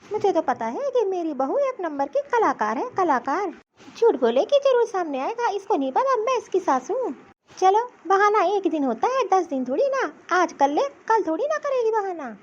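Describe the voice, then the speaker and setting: A woman voicing a stout, sharp-tongued old mother-in-law who scolds and nags in a cartoon. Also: very high voice, very animated, normal speed, muffled recording. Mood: suspicious. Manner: scolding, nagging. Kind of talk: cartoon voice acting.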